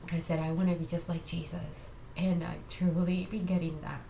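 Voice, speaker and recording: A woman giving an earnest, halting personal faith testimony to camera, tearful and sounding like she has just been crying. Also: lowish voice, little pitch movement, gravelly, dark tone. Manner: earnest, halting, reassuring listeners. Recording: echoey room with faint noise.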